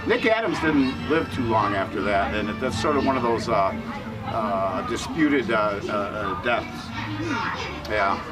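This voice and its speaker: A man hosting a horror movie show, chatting casually outdoors in a rambling, halting way full of fillers. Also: lowish voice, animated. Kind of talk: casual chat about films. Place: outdoors at a pumpkin farm haunt attraction. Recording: distant mic outdoors, loud music behind.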